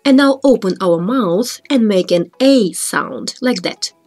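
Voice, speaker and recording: A woman vocal coach explains exercises in a calm, guiding tone. Her voice sits at a medium pitch, and she leads the listener step by step. A faint bed of music plays underneath. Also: slow. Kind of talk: vocal lesson instruction.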